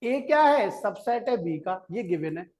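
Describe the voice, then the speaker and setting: A man's voice: high-pitched, sing-song, unhurried, darkish tone. A male maths teacher giving a classroom lecture, coaxing his students, quizzing them and repeating each step. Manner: keeps quizzing students and repeating key steps; coaxing, urges students to listen before writing.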